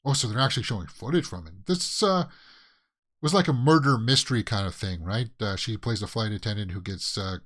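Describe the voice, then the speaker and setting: A man's voice: fairly low pitch, animated, fairly quick, fairly bright tone. A Canadian man hosting a casual movie news show, rambling through headlines with plenty of fillers and restarts. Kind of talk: casual solo commentary.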